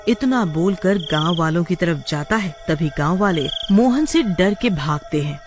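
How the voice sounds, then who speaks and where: A man's voice: sits high, animated, moderate pace, faint music behind. A man narrating a cartoon horror story in a plain storytelling manner. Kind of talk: scripted narration.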